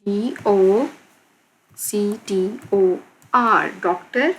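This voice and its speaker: A woman's voice: medium pitch, drawn-out words. A woman teacher with a Pakistani accent explaining an English lesson in Urdu, repeating words and spelling them out letter by letter.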